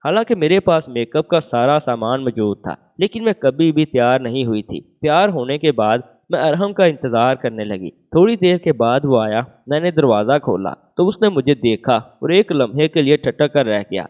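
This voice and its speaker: A man reading a romantic first-person story as scripted narration, voicing every part in the same even voice. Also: mid-range voice, hardly any pauses. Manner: reads all parts in one even voice. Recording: phone-like narrow band.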